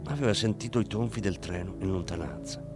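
A man reading a crime story aloud in measured, expressive scripted narration. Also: sits low. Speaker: audiobook narrator. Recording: faint background music.

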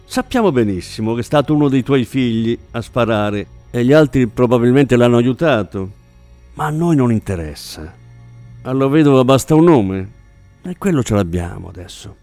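A man's voice: medium pitch, expressive, normal speed, warm tone, no room sound, faint music behind, close to an everyday voice. A man doing a blunt, combative tough guy. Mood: mocking. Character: hard-bitten Milanese partner, tough middle-aged man.

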